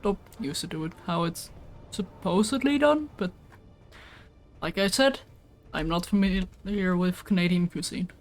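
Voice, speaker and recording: A woman's voice: on the low side, measured pace, soft background music. A woman chatting casually with a co-player while streaming a video game, rambling about food and snacking between sentences. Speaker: livestreamer. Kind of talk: casual chat while gaming.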